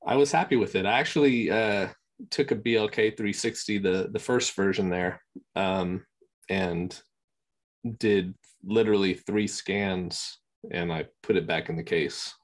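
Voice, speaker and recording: A man talks in a low, deep voice over a video call. He rambles in a relaxed, casual way, filling his speech with ums and you knows. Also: a little slow. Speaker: interview guest, scanning service provider. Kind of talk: casual conversation.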